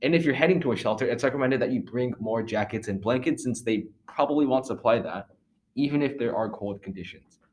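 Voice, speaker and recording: A man's voice: medium pitch, fairly quick, darkish tone. A teenage boy reading a scripted class presentation casually, with fillers and offhand asides. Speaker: student presenter.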